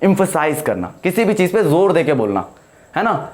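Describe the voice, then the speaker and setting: Guy teaching english grammar in class, kinda high voice, goes slow and keeps asking did you get it. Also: very animated. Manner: explains slowly, repeats, asks the class questions. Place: classroom with whiteboard.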